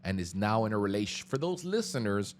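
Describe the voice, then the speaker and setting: A man hosts a casual podcast with his friends. He talks in a loose, joking way, full of slang and fillers, and his pitch moves around a lot. There is faint noise behind him. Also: big pitch swings, a little fast. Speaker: podcast host. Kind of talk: casual chat.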